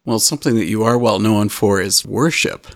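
A man hosting a music talk show, giving scripted introductions and asking interview questions in a measured presenter's manner. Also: fairly low pitch, no echo, studio quality. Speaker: radio show host.

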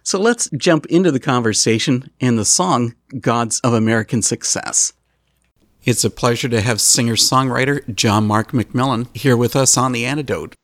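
A man hosting a music talk show, giving scripted introductions and asking interview questions in a measured presenter's manner. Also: mid-range voice, no echo, clean studio sound. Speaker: radio show host.

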